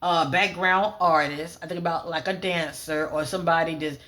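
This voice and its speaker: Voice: medium pitch, fairly even intonation, normal speed, sharp tone. Casual psychic reader listing fragment cues. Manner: lists clipped fragment cues, often "I'm getting"; casual, repeats phrases, frequent "um" fillers. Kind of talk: solo psychic reading, spoken monologue.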